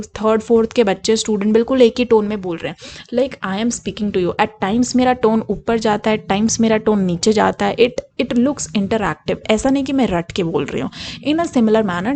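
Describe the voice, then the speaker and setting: A young adult woman tutor giving exam tips in a spoken lesson, switching between Hindi and English, slow and deliberate on English sentences and often checking in with her listeners. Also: fairly high pitch, a little mellow. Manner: mixes Hindi and English, asks "ठीक है?" to check in.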